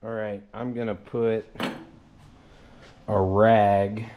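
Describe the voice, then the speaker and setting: A man's voice: lowish voice, little pitch movement, drawn-out words, phone-quality sound, a little hiss or hum. A man hosting his garage channel, rambling casually and joking at himself as he works on a car. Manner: rambling, self-deprecating, talks while wrenching. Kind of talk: casual work-along narration. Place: home garage, at and under a car.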